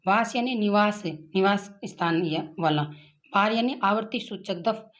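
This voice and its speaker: A woman teaching a grammar lesson for exam prep, reading out word lists slowly and deliberately, with short explanatory asides. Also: mid-range voice. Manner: slow, deliberate listing of words with asides.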